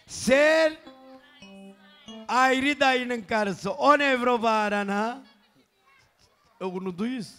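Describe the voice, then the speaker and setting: A man working as a wedding announcer, booming out gifts and sums in drawn-out calls and bantering with guests. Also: pushed and bright. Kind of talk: loud festive announcement of gifts, counting sums aloud. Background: celebration music.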